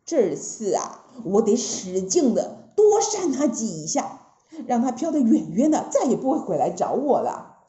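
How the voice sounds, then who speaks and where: A woman voicing a proud, easily frightened fairy princess in a told story, shrill and wailing. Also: big pitch swings, a little slow, warm tone, reverberant. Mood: scheming.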